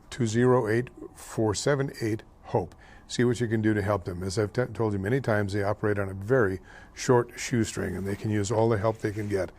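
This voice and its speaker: The host is an older man on a local talk show, his pitch fairly low. He talks haltingly, leaning on fillers and misspeaking names, and raises his voice with more heat when discussing politics.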